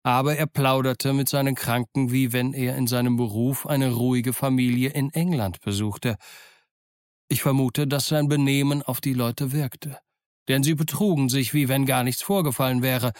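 Male audiobook narrator, measured, mid-pitched, dry close sound. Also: no room sound. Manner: measured, even storytelling. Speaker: audiobook reader. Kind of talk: scripted narration.

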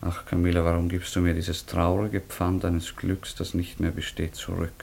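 An actor playing an impulsive young nobleman in a radio drama, speaking low, earnest and quietly intense. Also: monotone, moderate pace, creaky, slight background noise. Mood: tender. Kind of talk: studio radio drama acting.

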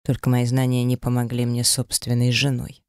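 A man narrating a first-person audiobook story in a cold, flat, detached manner. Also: medium pitch, fairly quick, clear, resonant tone, no room sound, clean studio sound.

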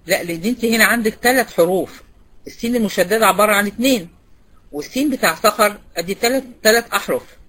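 A woman's voice: mid-range voice, quick pace, a bit bright. A woman with an Egyptian Arabic accent teaching a recitation class, quizzing students by name and repeating key points. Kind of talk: online class lecture.

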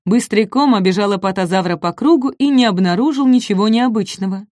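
A woman storyteller reading a children's story aloud in a gentle, lively way. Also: medium pitch, fairly quick, dry recording, studio quality.

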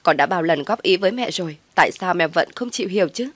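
A woman's voice: lowish voice, lively intonation, fast, fairly bright tone, no echo. A woman voicing a young husband who reproaches his mother and pleads, in storybook narration. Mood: reproachful.

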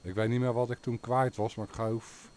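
A man's voice: medium pitch, level tone, fairly quick, a little mellow, slight background noise. A man hosting a radio call-in show, chatting casually about his equipment with fillers. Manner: chatty, talks gear at length with fillers. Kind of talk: casual on-air chat.

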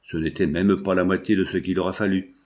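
A man reading a novel aloud as an audiobook, in steady, measured narration. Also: low voice. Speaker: audiobook reader. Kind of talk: literary narration.

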